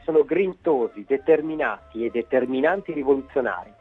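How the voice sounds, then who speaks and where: A man's voice: medium pitch, animated, fairly quick, soft background music. A man reading horoscopes as a guest astrologer, in a theatrical, breezy way. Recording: husky muffled phone line.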